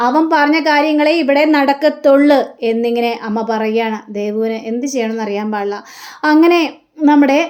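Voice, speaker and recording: A woman casually recaps a TV serial episode, chatty and full of filler sounds. Her voice sits high. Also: fairly quick, darkish tone. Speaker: TV serial reviewer.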